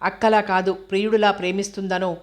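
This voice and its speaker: A woman reading an audio novel aloud, voicing a knowing young woman who warns and teases her hostel mate in a flat, even tone. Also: medium pitch, fairly quick, natural voice. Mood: teasing warning.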